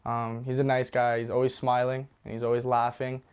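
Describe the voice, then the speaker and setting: A young man from Ontario, speaking warmly about his friends in a documentary interview. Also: mid-range voice, monotone, a little fast, smooth. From Ontario, Canada. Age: young adult.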